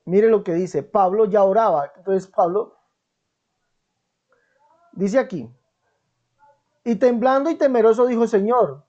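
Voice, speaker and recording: Emphatic man teaching, mellow and lo-fi. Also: high-pitched, measured pace, long pauses. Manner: emphatic, repeats key phrases, checks in with listeners. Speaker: Bible teacher. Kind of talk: online Bible teaching commentary. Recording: dull lo-fi recording.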